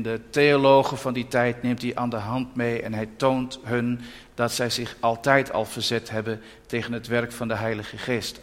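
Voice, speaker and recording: A man preaching a sermon to a congregation, earnest and measured, reading from scripture and telling stories. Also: medium pitch, long reverb tail. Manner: earnest, measured preaching with Bible readings, warming to animated storytelling. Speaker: pastor.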